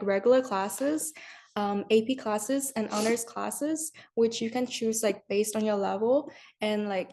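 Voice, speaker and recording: A woman's voice: fairly high pitch, a little mellow. A young woman from Vietnam, a student, showing viewers around her school with hesitant, filler-laden speech. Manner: hesitant, many "um" and "like". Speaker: student tour guide. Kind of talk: informal campus tour narration.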